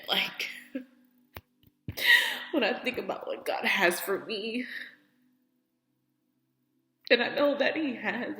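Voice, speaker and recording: A young woman, close to tears, talks through her faith in a rambling, heartfelt way, leaning on "like" and "you know". Her voice sits a little low. The room around her is echoey, with a long reverb tail. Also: fairly bright tone. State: teary, on the verge of crying. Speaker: faith vlogger. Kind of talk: emotional personal testimony.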